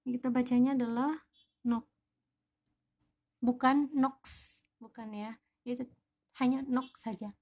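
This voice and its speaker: A woman's voice: on the high side, fairly even intonation, a little fast, darkish tone. A woman teaching a language lesson, patiently explaining each example word one by one.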